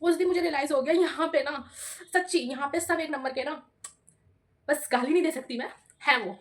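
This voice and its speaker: A young adult woman vlogger telling a personal story in a chatty, animated way, often calling her viewers "bhai". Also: high voice, moderate pace. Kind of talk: casual storytelling vlog.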